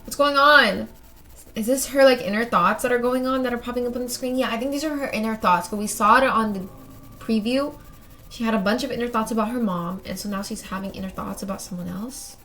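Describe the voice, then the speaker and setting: A young woman hosting a let's play of a dating game, chatty and excitable, often talking straight to the characters. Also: on the high side, a little fast, slight background noise. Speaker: gaming channel host.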